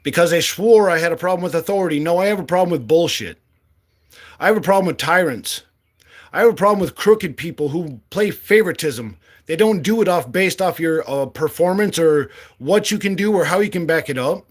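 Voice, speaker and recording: With a fairly high voice and lively intonation, a man in his late forties speaks fairly quickly. He is a candidate giving an impassioned, outspoken monologue full of swearing.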